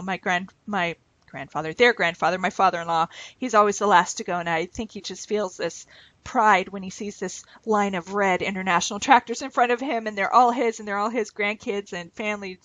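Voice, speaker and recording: A woman talks through her scrapbook page at home, rambling off topic and laughing easily. Her voice sits at an ordinary middle pitch. The sound is dry and close, with little room around it. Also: a bit bright, dry recording. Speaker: craft vlogger. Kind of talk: casual chat while scrapbooking.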